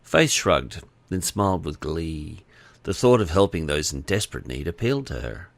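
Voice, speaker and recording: A man narrating an audiobook with expressive storytelling. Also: rumbling low, normal speed, creaky, no echo.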